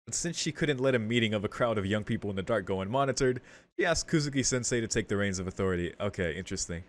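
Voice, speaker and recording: A man hosts a visual novel let's play, casually commenting and reading dialogue aloud over game music. His voice is lowish and expressive, and he talks at a quick pace.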